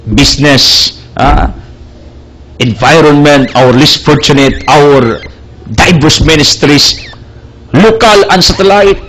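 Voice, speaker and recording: A man's voice: fairly high pitch, slow, a bit bright. A young man preaching a sermon, earnest and emphatic, mixing English phrases into his message. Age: young adult.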